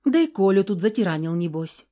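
A woman voicing a tired, stubborn young daughter who speaks softly and reproachfully, in an audiobook. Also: mid-range voice, sing-song, a little fast, lightly acted. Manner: soft, reproachful, pleading.

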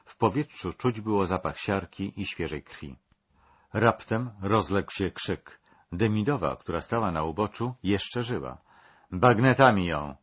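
A man narrating a scripted documentary in a measured, dramatic storytelling manner. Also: sits low, expressive, husky, muffled recording.

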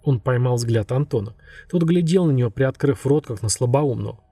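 A man with a husky voice narrating a story in a steady, measured way. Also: medium pitch, no room sound. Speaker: audiobook narrator. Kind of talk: scripted narration.

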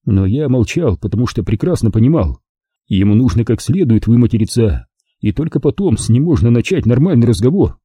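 A man's voice: lively intonation, a little fast, warm tone, slightly rough, no room sound, studio quality. A man reading a detective novel aloud as narrator, voicing every character himself. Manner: reads all characters in one voice, raising pitch for some. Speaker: audiobook narrator.

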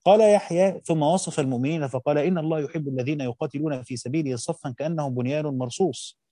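A man's voice: fairly high pitch, fairly even intonation, racing, mellow, no echo, clean studio sound. An Egyptian man teaching a lesson, reading passages from a classical text aloud and explaining them in colloquial speech.

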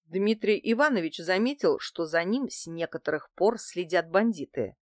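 A woman reading an audiobook, voicing a smug, flirtatious married man who runs a travel agency, in a brisk, evasive manner. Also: lowish voice, animated, no room sound, clean studio sound, natural voice. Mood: explaining.

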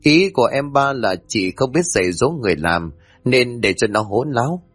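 A man's voice: medium pitch, lively intonation, moderate pace, fairly bright tone, dry recording, faint music behind. A man voicing a jealous, haughty middle-aged second wife who scolds sharply. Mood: indignant.

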